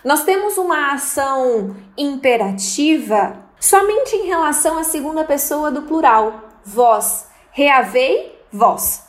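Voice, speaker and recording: Woman, grammar teacher, high voice, methodical, slow recited verb forms, echoey room. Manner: methodical, slows down to recite each conjugation. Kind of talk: explanatory lesson on verb conjugation. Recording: roomy echo.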